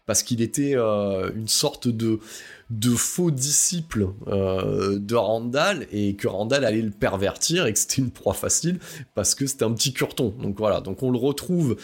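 A man's voice: lowish voice, animated, normal speed. A man hosting a casual film review podcast, rambling with many hesitations and wry asides. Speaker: podcast host.

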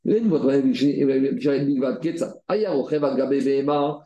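A man's voice: mid-range voice, normal speed, mellow. A man teaching a Talmud study lesson. He explains the text step by step, repeats his phrases and asks rhetorical questions. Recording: roomy echo.

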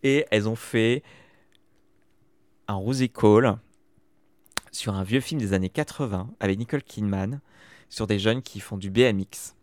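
A man's voice: on the low side, unhurried, long pauses, darkish tone. Chatty man telling a story. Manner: chatty storyteller, frequent fillers and repeats. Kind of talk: casual chat recapping TV shows.

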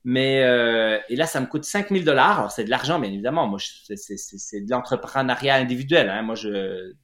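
A middle-aged running clinic founder from Lac-Saint-Jean, Quebec, speaks as an interview guest with a Quebec French accent. His medium-pitched voice is animated, a bit bright and a little fast, yet hesitant with frequent fillers and restarts, in a roomy, echoey room.

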